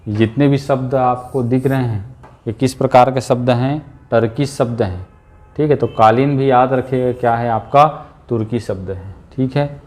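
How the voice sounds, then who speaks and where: A man's voice: mid-range voice, normal speed, a little mellow. A man teaching an exam-prep lesson, repeating key words and checking in often with his students.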